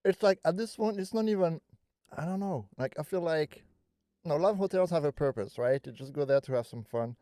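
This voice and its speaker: A man's voice: on the high side, fairly quick, dark tone, no echo, studio quality. A man hosting a podcast in casual chat, playful and teasing. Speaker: podcast host.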